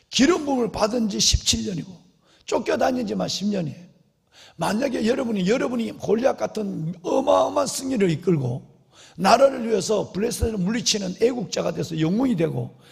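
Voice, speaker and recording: Middle-aged male pastor, high gravelly voice, fervent preaching to the congregation, long church reverb. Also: a little mellow. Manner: impassioned preaching, often calling out to the congregation; acts out prayers and quotes in a dramatic voice. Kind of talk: sermon. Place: large church sanctuary.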